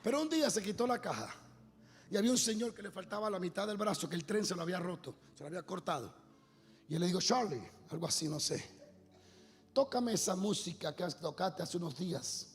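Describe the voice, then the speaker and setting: A man preaching a sermon to a congregation, building from storytelling into loud, half-sung shouting. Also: high voice, animated, fast talker, slightly rough. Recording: long hall reverb, faint music.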